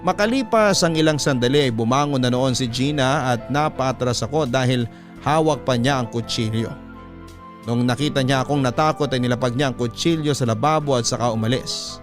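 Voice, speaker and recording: Brief: male radio host narrating a letter-based story in a measured, mid-pitched voice. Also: faint music behind. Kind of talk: scripted narration.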